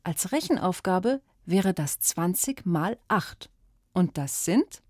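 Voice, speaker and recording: A woman presenting a children's story, speaking directly to young listeners and posing puzzles in an animated way. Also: fairly low pitch, takes it slowly, no echo, clean studio sound.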